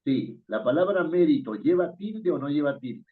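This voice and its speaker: Over tinny, phone-like video call audio, a man with a slightly high, expressive voice runs an online spelling class at a normal pace. He's patient and full of questions, letting out a chuckle every so often.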